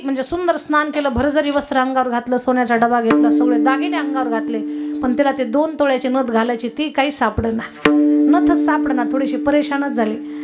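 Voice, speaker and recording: A woman preacher telling a story in a devotional sermon, speaking emphatically and straight to the audience. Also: high-pitched. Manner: emphatic, addresses audience directly. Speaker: kirtan preacher. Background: tabla music.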